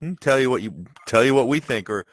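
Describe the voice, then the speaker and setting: A man co-hosting a casual gaming podcast, halting and repeating words as he searches for them. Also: mid-range voice, expressive, no echo. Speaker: co-host.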